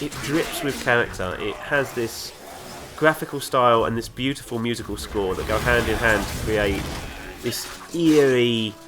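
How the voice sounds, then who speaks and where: Sounding congested and nasal from a cold, a man with the flu hosts a gaming video, rambling a little as he enthusiastically comments on his let's play. His voice is medium-pitched, and game music and sounds play in the background.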